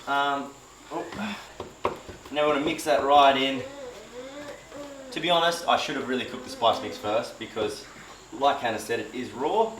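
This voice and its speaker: A man's voice: mid-range voice, steady tone, moderate pace, long pauses. A man cooking and chatting casually for a vlog, joking at himself and rambling with fillers. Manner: chatty, jokey, self-mocking, loose with fillers. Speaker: fitness vlogger doing meal prep. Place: home kitchen, indoors. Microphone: camera mic, filmed by a helper. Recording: roomy kitchen with faint cooking noise.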